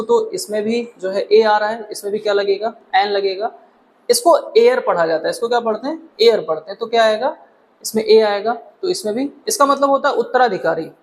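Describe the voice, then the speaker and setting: A man's voice: high voice, a little hiss or hum, poor audio. Hindi-accented male teacher quizzing his class. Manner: explains step by step, asks the class questions and answers them himself. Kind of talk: classroom grammar lesson.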